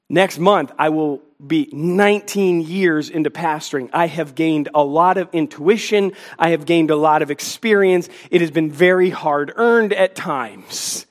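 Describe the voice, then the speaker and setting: A man in his forties, a pastor, preaching a sermon in an earnest, emphatic way with self-deprecating asides, in a church. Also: sits high. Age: 40s.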